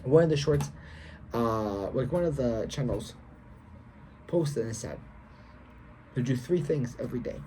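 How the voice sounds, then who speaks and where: A man's voice: mid-range voice, lively intonation, measured pace, long pauses, mellow, slight background noise. A young man vlogging about his faith in a slangy, emphatic way, repeating himself and lecturing the viewer. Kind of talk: casual faith vlog monologue.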